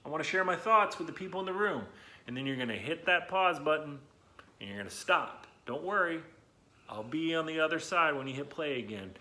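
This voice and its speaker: Reading aloud to children, this adult man, not young, speaks on the high side and a little fast. His lesson is lively and chatty, full of encouragement, emphatic words, and questions to the kids.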